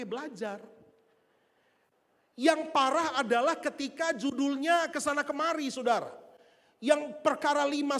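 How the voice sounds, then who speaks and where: Pastor, male, high voice, storytelling sermon, long church-hall echo. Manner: lively storytelling with rhetorical questions to the congregation.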